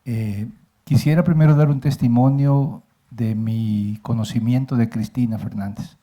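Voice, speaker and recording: Salvadoran guy commenting from the audience, formal, super dark mellow voice. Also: mid-range voice, steady tone. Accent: Salvadoran Spanish. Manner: formal, deliberate, hesitant fillers. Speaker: audience member, former legislator. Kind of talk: public comment at a panel. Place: university auditorium.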